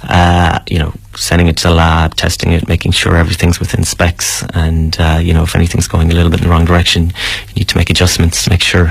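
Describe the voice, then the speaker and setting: A man's voice: sits low, monotone, quick pace, creaky, few pauses, slightly rough, dry recording. A man explaining things as an interview guest, casually and hesitantly, repeating words as he goes.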